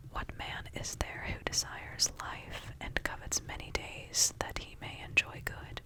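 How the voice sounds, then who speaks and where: A woman whispering throughout in an unvoiced ASMR style as she reads scripture aloud. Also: rough recording. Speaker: ASMR reader.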